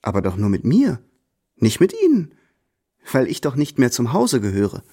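Radio drama: proud young tutor, composed and steady, middle voice. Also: male voice, mid-range voice, breathy edge, heavily acted. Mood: defiant. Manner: measured, cool and composed. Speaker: first-person narrator and protagonist.

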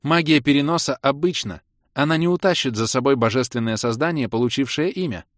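A man's voice: medium pitch, fairly quick, dry recording, clean studio sound, voice pushed up, natural voice. A man doing a stern hissing baroness. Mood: commanding. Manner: sharp, hissing, commanding.

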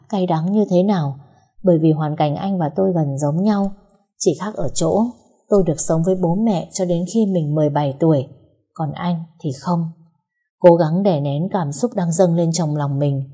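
A woman telling a first-person story in a soft, steady reading voice. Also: on the low side, husky.

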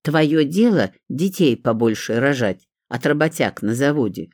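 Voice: medium pitch, lively intonation, measured pace, darkish tone, no echo, studio quality. A reader voicing a brash, mocking neighbour woman who cackles and needles in a storybook.

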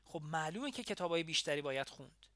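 A man's voice: fairly high pitch, lively intonation, sharp tone, no room sound. A man voicing a young male activist who speaks his mind in a political argument in an audiobook. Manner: frank, then conciliating.

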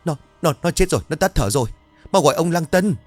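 A man's voice: on the high side, expressive, fast, no echo, faint music behind, voice pushed up. A man voicing a frantic young mother who stammers and shrieks in grief. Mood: panicked.

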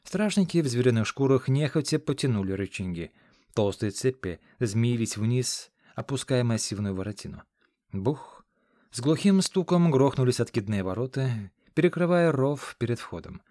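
A man narrating a first-person fantasy audiobook in a measured, dramatic reading. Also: medium pitch, lively intonation, warm tone, no echo. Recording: dry close studio sound.

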